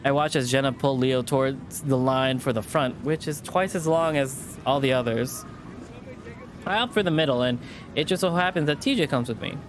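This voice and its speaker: A man's voice: medium pitch, moderate pace, a little hiss or hum. A man reading a visual novel aloud with chatty asides, sometimes stumbling and rereading a line. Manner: stumbles over words and rereads lines.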